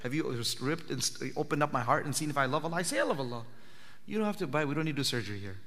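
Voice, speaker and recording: Man preaching, fairly high voice, earnest, long hall reverb. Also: expressive, racing, fairly bright tone. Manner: earnest, asks the audience questions. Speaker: Islamic teacher giving a talk at i'tikaf. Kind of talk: sermon.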